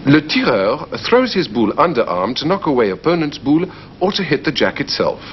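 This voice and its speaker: A male presenter reads a measured documentary narration in a lively, varied pitch. The sound is dull and lo-fi, from an old broadcast recording with a faint hum underneath. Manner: measured explanatory delivery. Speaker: programme presenter.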